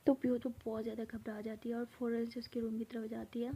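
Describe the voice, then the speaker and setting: A woman retells a love story in a casual, chatty way, repeating herself. Her voice is breathy and husky with a mellow, dark tone. She often drops into a whisper. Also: fairly high pitch, flat delivery, fast. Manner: chatty, repetitive, drifts into whispers.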